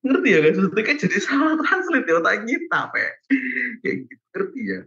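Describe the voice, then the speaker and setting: A man's voice: sits high, big pitch swings, a little fast, gravelly, pushed and bright, slightly rough. A young man giving a casual online Bible lesson, chatty and informal, peppering his talk with fillers and laughing easily. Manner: chatty and informal, many fillers like "gitu" and "guys", laughs often. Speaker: Bible class teacher. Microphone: video call. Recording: muffled video call audio.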